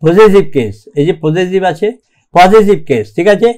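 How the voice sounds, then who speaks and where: A man teaching English grammar in a recorded lecture, reading rules aloud slowly and keeping checking that the class follows. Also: high voice, animated, a little mellow. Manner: slow and deliberate, reads English rules aloud, keeps checking "ঠিক আছে?".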